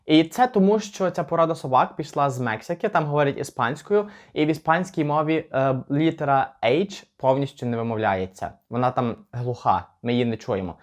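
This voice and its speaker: Chatty man teaching English pronunciation. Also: mid-range voice. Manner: chatty, slows down to spell out words. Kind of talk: casual pronunciation lesson.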